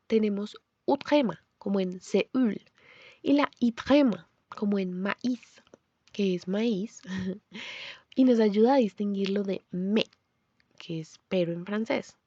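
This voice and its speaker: A woman giving a scripted pronunciation lesson, explaining clearly and saying example words slowly. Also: medium pitch, mellow, no room sound, lo-fi sound. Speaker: language teacher.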